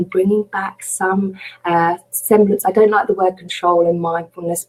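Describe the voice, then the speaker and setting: A woman leads a mindfulness webinar in a soft, breathy voice with a husky edge. She talks gently and without hurry, reassuring her listeners as she guides them into a meditation. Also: lowish voice, rough recording. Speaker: mindfulness coach. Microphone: webcam or computer mic on a video call.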